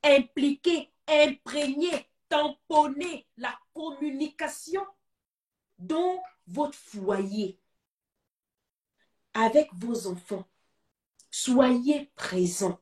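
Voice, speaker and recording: A woman's voice: sits high, very slow, pauses often, a little mellow, reverberant, distant mic. A woman with a Gabonese French accent giving advice to parents on a talk show, urging them in emphatic, repetitive exhortations.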